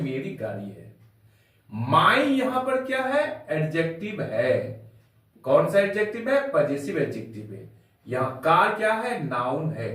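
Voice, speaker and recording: A man's voice: a little high, a bit bright. A man teaching English grammar to students, emphatic and repetitive, asking rhetorical questions as he explains. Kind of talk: classroom grammar lesson. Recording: very echoey room, from far off.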